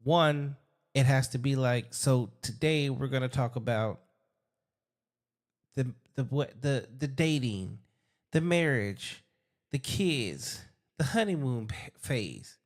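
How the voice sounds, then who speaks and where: A man hosting a casual call conversation, talking in an emphatic way, repeating himself and slowing down to stress his points. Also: medium pitch, lively intonation. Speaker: host.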